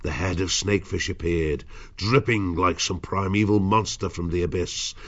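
Male storybook narrator: lower register, dramatic scripted delivery, soft-edged lo-fi recording. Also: normal speed. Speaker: audiobook narrator.

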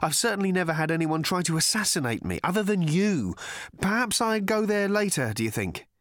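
An anxious, apologetic young man, as a reader puts him on, stammering and tripping over his words. His voice is raised and bright, jumping around nervously in a dry, close recording. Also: very animated, dry recording. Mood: baffled. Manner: stammering, hurried, high and fretful. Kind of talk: audiobook character reading.

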